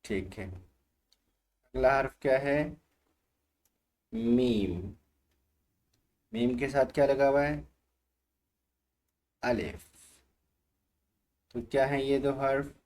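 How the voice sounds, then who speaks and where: A man teaches reading at a very slow, deliberate pace, sounding out one letter at a time. His voice is dark and mellow. He keeps prompting the listener to repeat after him. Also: medium pitch, fairly even intonation. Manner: patient, repeats each letter and asks the learner to say it aloud. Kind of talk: slow letter-by-letter recitation lesson.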